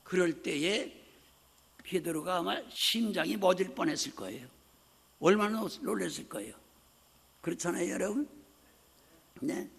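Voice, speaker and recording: An older man preaching a sermon as pastor, telling stories with lively acted-out voices and frequent asides to the congregation. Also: sits high, normal speed, creaky, long pauses, husky. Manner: animated storytelling, acts out quoted voices, frequent "네?" asides. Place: church sanctuary. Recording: long hall reverb.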